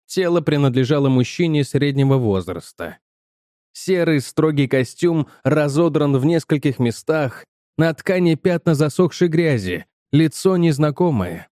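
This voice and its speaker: A man narrates an audiobook with measured, tense storytelling. His voice sits somewhat high, and the recording is dry with no room sound. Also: expressive, warm tone, no room sound.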